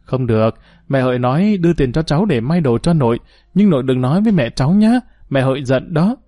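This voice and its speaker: Storybook girl, affectionate and coaxing, voiced by a man a bit higher and quicker than his telling voice. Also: animated, dry recording, studio quality, lightly acted. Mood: eager coaxing. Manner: wheedling, eager, hushed. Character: little granddaughter, coaxing and affectionate.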